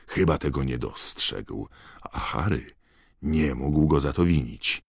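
Very deep-voiced male narrator. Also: slightly rough, dry recording, clean studio sound. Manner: steady, measured storytelling. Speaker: audiobook narrator. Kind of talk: scripted narration.

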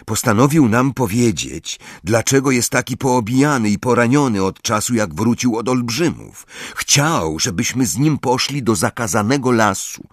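A man's voice: medium pitch, animated, moderate pace, hardly any pauses, no room sound, studio quality, pitched above the performer's own voice, lightly acted. A man reading an audiobook and voicing a guarded teenage boy who speaks with restraint. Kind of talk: audiobook character voice.

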